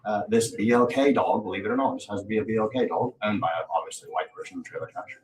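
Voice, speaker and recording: On the low side and quick with his words, the livestream host rambles casually, bragging and dropping lots of swear words. A distant mic gives the roomy recording some faint noise.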